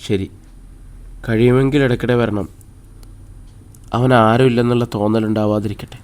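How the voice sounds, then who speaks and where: Male narrator as a kindly middle-aged nun in an audiobook, polite and concerned, mid-pitched. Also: steady tone, moderate pace, a little mellow, smooth, lightly acted. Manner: polite, concerned, matter-of-fact.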